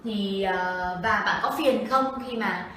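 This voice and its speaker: A woman's voice: mid-range voice, slow pace, a bit bright, slight background noise. A woman with a Vietnamese accent co-hosts a livestream English lesson, turning to the audience with questions as she explains. Her voice sits in a middle range. She is recorded from a distance in a very echoey room. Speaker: co-host and interpreter.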